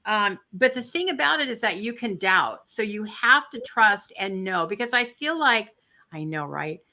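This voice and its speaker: A woman's voice: mid-range voice, lively intonation, normal speed, sharp tone. A woman giving a chatty, encouraging spiritual card reading with asides and fillers, while she has the hiccups. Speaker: intuitive card reader.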